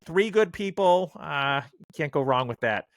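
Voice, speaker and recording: A man hosts a casual podcast, rambling along with plenty of fillers and restarts. His voice sits a bit high. The sound is dry and close, with no room echo. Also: animated, a little slow. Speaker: podcast host.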